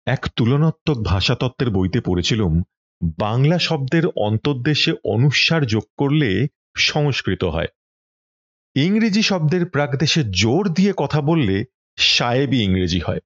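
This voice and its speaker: Male audiobook reader, husky, measured and expressive, dull lo-fi sound. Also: medium pitch. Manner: measured, expressive literary reading. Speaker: storyteller reading a book aloud. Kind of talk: audiobook reading.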